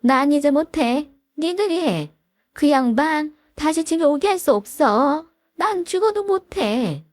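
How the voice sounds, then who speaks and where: A woman voicing a shrill bossy elderly mother-in-law. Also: lively intonation, measured pace, no echo, clean studio sound. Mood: whiny demanding. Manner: scolding, shouting demands.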